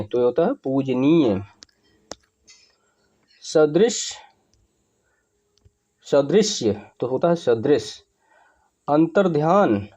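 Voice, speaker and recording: A man's voice: medium pitch, mellow, lo-fi sound. A man teaching spelling in an exam-prep lesson, going through words one by one, naming each wrong form and then the correct one. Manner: explanatory, repeats each word wrong then right. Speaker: Hindi grammar teacher.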